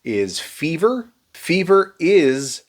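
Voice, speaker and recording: His voice a little high and extremely slow, a man reviews a show to camera. He walks through prices and seating steadily, offering advice with a touch of dry sarcasm.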